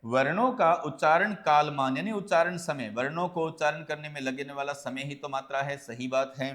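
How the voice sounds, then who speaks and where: Slightly high-voiced male Hindi exam tutor. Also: moderate pace, fairly bright tone. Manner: explains step by step, asks and answers his own questions; calls listeners friends, often adds "right?". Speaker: teacher. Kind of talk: exam-prep lecture.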